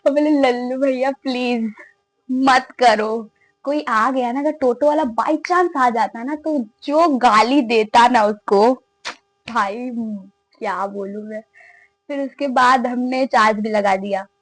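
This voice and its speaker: A woman's voice: on the high side, no echo, rough recording. A young woman, casually telling a funny story and acting out her friends' lines. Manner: animated, laughing, acts out friends' lines. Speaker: vlogger.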